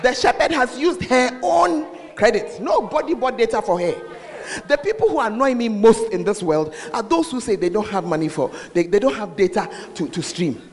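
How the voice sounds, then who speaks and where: A man's voice: high voice, expressive, normal speed. A man with a Ghanaian accent preaching a sermon, scolding and questioning listeners directly, his voice slightly muffled by a face mask. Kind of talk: sermon to a congregation. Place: large reverberant church. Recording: long hall reverb.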